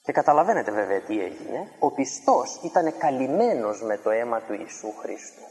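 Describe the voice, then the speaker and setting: A man's voice: medium pitch, big pitch swings, darkish tone. A man preaching a sermon to a congregation, telling a story and acting out the quoted lines with dramatic raised delivery. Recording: reverberant church hall.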